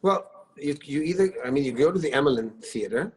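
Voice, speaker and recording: With lively intonation and a somewhat high voice, he talks a little fast. This singer-songwriter guest is a middle-aged man born in Israel whose first language is Hebrew; from his living room on a video call, he spins warm stories, hesitating, restarting and using many fillers.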